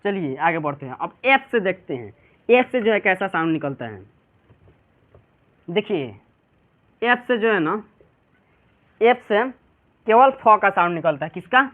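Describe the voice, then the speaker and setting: A man's voice: high voice, lively intonation, a little slow, long pauses. Male teacher with a tinny phone-like sound. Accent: Bihari Hindi. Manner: repeats questions to students and answers them himself. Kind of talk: classroom English pronunciation lesson.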